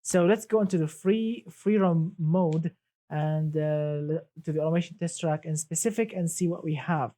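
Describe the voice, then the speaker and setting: A man's voice: fairly high pitch, steady tone, moderate pace, warm tone. Chatty enthusiastic man hosting a stream. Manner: chatty, enthusiastic, reads chat aloud, repeats "awesome". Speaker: live-stream host. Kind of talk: casual gaming live stream.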